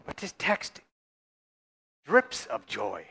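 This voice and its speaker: A man preaching to his church in a loose, conversational way, now and then joking with the people in the pews. His voice sits a little high and rings bright and forceful. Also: wildly swooping pitch, extremely slow, husky. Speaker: pastor. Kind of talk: sermon.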